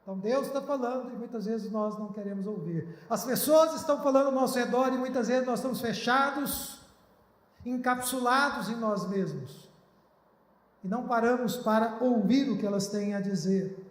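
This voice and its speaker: A man's voice: very high-pitched, normal speed. A male pastor preaching a sermon in an earnest, pleading way, recorded in a church. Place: church hall. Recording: echoey church hall.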